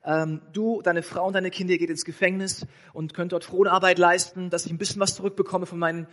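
A man's voice: high-pitched, flat delivery, brisk, fairly bright tone. A man voicing a powerful king in a parable, speaking in commanding, declaring tones. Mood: demanding. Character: powerful king, stern then merciful.

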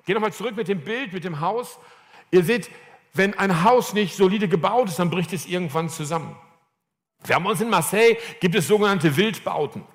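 Male preacher, storytelling sermon, somewhat high voice, long hall echo. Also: lively intonation, brisk. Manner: storytelling, acts out quoted dialogue, grows emphatic. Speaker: pastor.

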